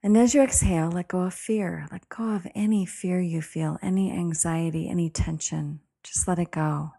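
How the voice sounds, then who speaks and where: A middle-aged woman with a low, creaky voice guides a breathing meditation. Her tone is mellow and relaxed, and her delivery is calm, soft and meditative, unfolding in slow, soothing phrases. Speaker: podcast host.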